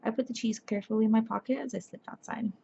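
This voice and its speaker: This ASMR creator is a young woman who sounds tired and sleepy, with a soft, breathy, gravelly voice that's a little high and fairly even in intonation. She talks fast in a soft-spoken chat and reading session, stumbling and correcting herself along the way. Recorded on a webcam, the audio is dull and lo-fi with faint hiss.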